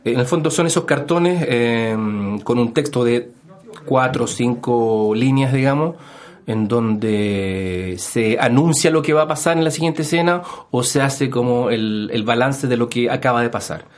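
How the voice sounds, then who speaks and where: Chilean male historian guest, radio interview, unhurried explainer, lots of "eh" and "¿no?", mid-pitched voice. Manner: explanatory, many fillers and hedging tags. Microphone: studio microphone.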